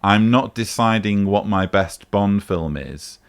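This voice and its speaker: A vlog host answers a voicemail with emphatic, argumentative casual commentary, his voice rising sharply on key points. His voice is fairly low, slow and smooth.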